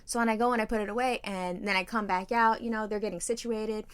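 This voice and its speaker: A woman hosting a podcast, telling a story in a casual, animated and profane way, laughing as she goes. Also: mid-range voice, fast talker, clear, resonant tone. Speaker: podcast host.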